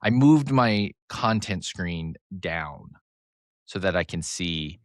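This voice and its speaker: Man, low-pitched, slight mumble, trails off, excitable, rambling, dry close mic. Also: takes it slowly, no echo. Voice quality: slight speech impediment, mumbly. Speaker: podcast host. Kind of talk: casual solo sports podcast talk. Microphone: close desk mic, sometimes turning off-axis.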